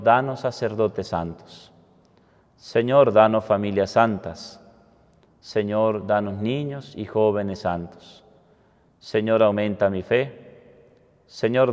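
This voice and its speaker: A man, a priest giving a homily and prayers at Mass in a solemn, deliberate way, with a cathedral-like echo. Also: fairly low pitch, darkish tone. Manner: solemn, deliberate delivery with measured phrases. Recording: cathedral-like echo, long reverb.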